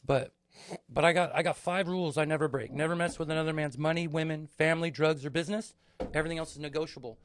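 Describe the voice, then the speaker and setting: A man's voice: a little high, steady tone, fast, dry recording. A man in his forties, a guest on a comedy podcast, chatting casually and telling stories, swearing now and then. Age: 40s. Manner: storytelling, swears freely, acts out quoted voices. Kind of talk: casual chat. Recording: dry close studio mic.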